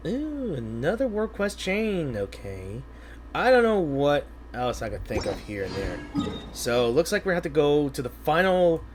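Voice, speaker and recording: A man's voice: medium pitch, background noise. A man commentating on gameplay and reading quest dialogue aloud in a theatrical way. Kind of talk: gameplay commentary and voiced read-through.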